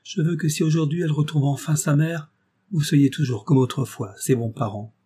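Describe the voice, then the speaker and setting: A man reading the lines of a young mother, speaking with earnest, heartfelt warmth. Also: on the high side, normal speed, slightly rough, voice pushed up. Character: young mother, tender and overjoyed.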